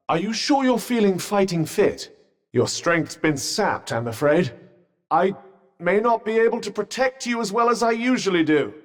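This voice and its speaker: A British man voicing a sentient magic cuff in a video game, a droll, haughty, fussy companion with a pompous, sardonic, wordy way of talking. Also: high-pitched. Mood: cautioning. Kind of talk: scripted game character banter. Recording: long reverberant echo on the voice.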